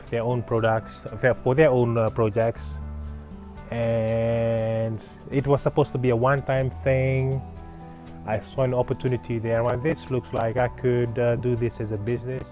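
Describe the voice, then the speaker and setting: A man from Fiji speaks earnestly and proudly in an interview, often pausing on fillers and restarting his sentences. His voice sits at an ordinary middle pitch. Faint music plays underneath him. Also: warm tone. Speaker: clothing brand founder. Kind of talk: interview answers.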